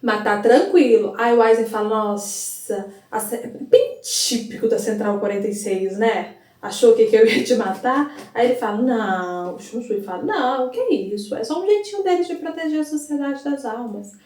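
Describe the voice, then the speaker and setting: Woman vlogger, chatty and lively, mellow higher voice, roomy echo, a bit off-mic. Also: moderate pace. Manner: chatty, animated, retells scenes with quoted lines. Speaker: anime recap youtuber. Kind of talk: casual excited episode recap. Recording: echoey room, mic at a distance.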